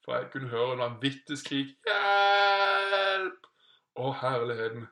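A man's voice: medium pitch, flat delivery, fairly bright tone. A man telling a playful made-up story, rambling and correcting himself. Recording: roomy echo.

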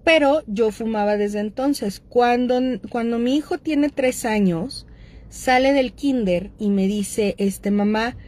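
A middle-aged Mexican woman with a fairly high voice hosts a casual talk. She speaks straight to her listeners in a conversational way, with frequent fillers. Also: takes it slowly, a little mellow. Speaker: host speaking on addictions.

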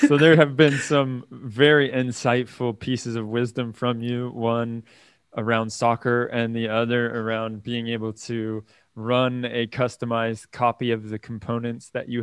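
A man's voice: medium pitch, clear, resonant tone, no echo. Male host, casual tech chat, laughs easily, clean dry sound. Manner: upbeat, laughs often, wraps up the show.

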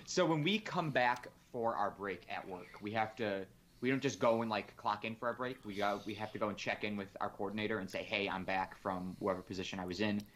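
Co-hosting a podcast, a man with a lowish voice talks a little fast in casual chat. He's an animated storyteller recounting a work story, acting out quotes and swearing freely throughout.

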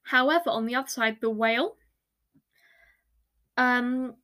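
A woman's voice: fairly high pitch, a little slow, a bit bright. A woman hosting a casual true-crime podcast. She rambles loosely, corrects herself often and swears freely. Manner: loose and rambling, swears freely, laughs at her own reactions. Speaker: podcast host.

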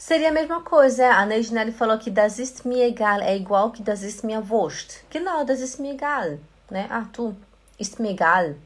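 A woman with a Brazilian Portuguese accent giving a live online German lesson, repeating words slowly to drill pronunciation and reading viewers' comments aloud. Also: on the high side, animated. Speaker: German teacher.

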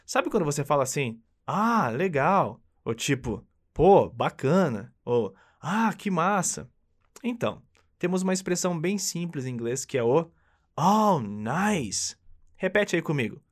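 A man's voice: fairly high pitch, lively intonation, moderate pace. A man with a Brazilian accent, leading an upbeat English lesson and coaching the listener through repeated phrases. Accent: Brazilian Portuguese. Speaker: English teacher. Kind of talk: friendly language lesson.

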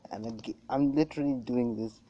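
A man's voice: mid-range voice, steady tone, a little fast, dull audio, slight background noise. A young man with a Namibian accent chatting casually and earnestly as a podcast host, repeating phrases for emphasis, recorded on a cell phone. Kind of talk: casual religious podcast chat.

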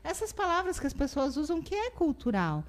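Woman therapist, high voice, explanatory, acts out quotes. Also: very animated, brisk. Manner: warm explanatory, acts out parent and child quotes. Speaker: family therapist guest. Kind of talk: casual talk-show advice.

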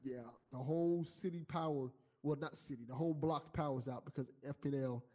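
Brief: relaxed male podcast host from South Florida, warm dark tone, slightly raised pitch. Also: brisk. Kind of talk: casual podcast chat.

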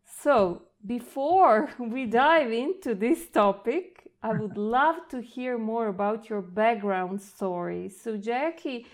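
A woman's voice: on the high side, expressive, takes it slowly, hardly any pauses. A woman from Croatia hosting an interview, gushing and hesitant, with many fillers and restarts. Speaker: host.

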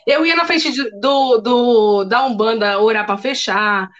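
High, animated São woman. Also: a little slow, lo-fi sound. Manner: animated storyteller, acts out her own past lines. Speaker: guest giving testimony. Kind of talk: casual chat, faith testimony.

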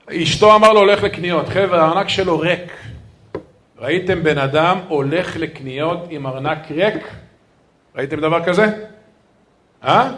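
A rabbi preaching with a somewhat high voice. He tells his stories with animated energy and keeps turning to the crowd to pull them in. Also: slight background noise. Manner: lively storytelling, addressing the crowd as "guys". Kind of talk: sermon with stories.

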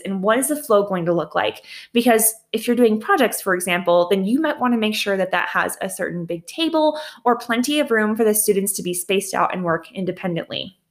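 A young adult woman teacher explaining how she sets up classroom routines, in a casual, practical way, laughing lightly at her own slips. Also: medium pitch. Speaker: teacher sharing classroom tips. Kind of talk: casual instructional talk.

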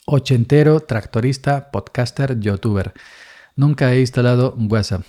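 A man's voice: medium pitch, measured pace, warm tone. A man in his forties from Andalusia with an Andalusian Spanish accent, rambling casually through a solo podcast with many restarts and repeated words. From Andalusia, Spain.

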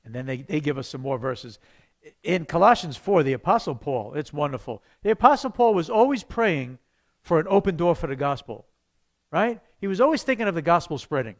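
A man, a pastor teaching an evangelism class to his church in a conversational way, breaking into sudden loud bursts. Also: on the high side.

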